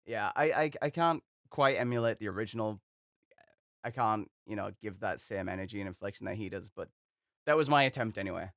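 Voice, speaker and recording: A young hobby voice actor, who voices characters for fun, offers casual commentary in a hesitant, self-deprecating, chatty manner. His lowish voice is brisk and a bit bright, captured in a dry, studio-quality recording.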